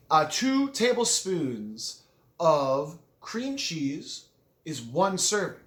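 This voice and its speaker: Chewing between phrases, a man with a fairly bright, slightly high voice talks through a casual vlog while eating. His mouth is full as he rambles enthusiastically, frequently correcting himself, in an echoey room.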